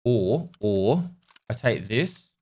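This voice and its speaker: A man's voice: on the low side, very animated, very slow, a little mellow. An Australian man streaming a game over a headset mic, chatting casually and trailing off with hesitations as he thanks viewers. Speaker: gaming streamer. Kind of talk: casual livestream chat while gaming. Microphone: livestream headset mic.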